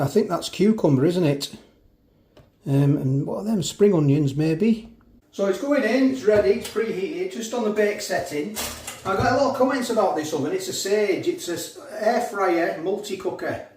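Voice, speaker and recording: A man's voice: fairly high pitch, a little mellow, roomy sound. A man doing a casual review of a supermarket meal kit in his kitchen, chatty and self-mocking with rambling asides. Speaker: food reviewer. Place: home kitchen.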